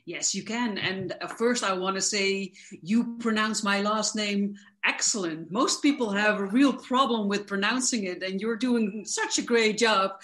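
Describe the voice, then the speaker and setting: A woman's voice: mid-range voice, unhurried, few pauses, fairly bright tone. A woman from the Netherlands, a coach explaining her work fluently and enthusiastically in an interview. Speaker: guest, coach. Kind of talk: casual interview.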